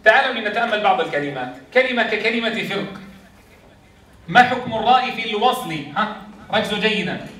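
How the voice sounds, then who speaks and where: Bright-voiced man teaching a class. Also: high voice, lively intonation, fast talker. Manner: engaging, quizzes the class. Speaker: Quran teacher. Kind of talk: classroom lesson on tajweed rules. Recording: echoey classroom, voice from far off.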